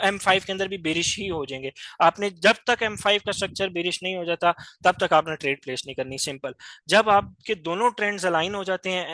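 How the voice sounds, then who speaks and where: A man gives a screen-share lesson on trading charts, repeating key points and correcting himself as he goes. His voice sits high and sounds bright, recorded close and dry with no room sound. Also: no echo. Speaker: trading teacher.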